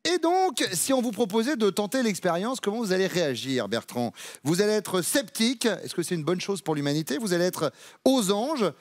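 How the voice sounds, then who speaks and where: High-voiced teasing game show host. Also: male voice, sing-song. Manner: teasing, quick jokes. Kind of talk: playful game show hosting. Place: TV studio with audience. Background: studio audience laughter.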